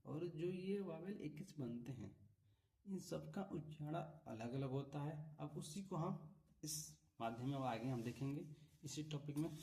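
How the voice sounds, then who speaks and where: A man's voice: medium pitch, mellow, slight background noise. A man teaching English pronunciation rules, explaining patiently, repeating example words and checking with tag questions. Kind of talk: classroom-style explanation. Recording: voice from a distance off the mic.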